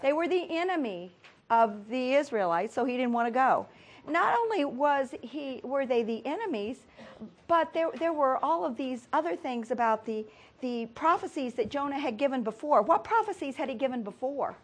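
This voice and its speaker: A woman's voice: sits high, expressive, moderate pace. A woman teaching a Bible study class, quizzing her students and laughing easily. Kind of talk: classroom Bible lesson with questions.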